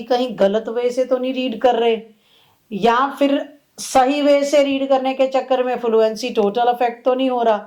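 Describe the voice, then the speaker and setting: Slow, higher-pitched woman coach. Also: darkish tone, low-quality recording. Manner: mixes Hindi and English, coaching tone. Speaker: exam coach. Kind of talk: video lesson on test tips.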